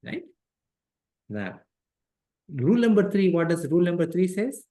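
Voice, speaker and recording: A middle-aged man with a high, sing-song, mellow voice speaks at normal speed through a headset mic. He teaches an interactive scripture class, explaining step by step, repeating points and quizzing his students.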